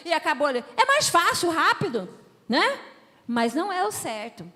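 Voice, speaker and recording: A woman telling family stories in an emphatic, lively preaching talk at a family conference. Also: extremely high pitch, normal speed. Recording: long hall reverb.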